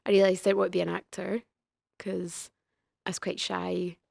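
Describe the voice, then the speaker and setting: A woman's voice: fairly low pitch, little pitch movement, moderate pace, vocal fry, darkish tone, no room sound. A young woman, a guest playwright, answering interview questions in a modest, hesitant way.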